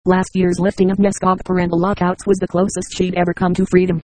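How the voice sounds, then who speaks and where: Even-toned audiobook narrator. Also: medium pitch, quick pace, dry recording, poor audio. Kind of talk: scripted narration.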